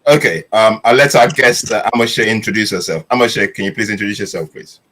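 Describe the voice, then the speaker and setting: A man's voice: on the low side, fairly quick, bright, forceful tone, poor audio. A man hosting an online panel, welcoming listeners with emphatic greetings. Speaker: host.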